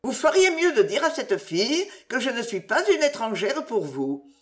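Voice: mid-range voice, very animated, normal speed, fairly bright tone, voice pushed up. A reader voicing a young woman, unwell and weary, who speaks plainly and curtly. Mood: firm. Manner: plain and curt.

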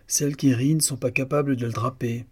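A man voicing a proud, touchy young seamstress who answers sharply, his husky voice raised a little. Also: on the low side, moderate pace. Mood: irritable. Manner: sharp, irritable.

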